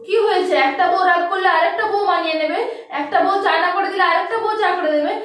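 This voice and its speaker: A woman playing a stubborn, teasing middle-aged husband, speaking in a lowered voice in an echoey room. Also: quick pace, a bit bright. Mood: smug teasing. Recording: echoey room, distant mic, noisy.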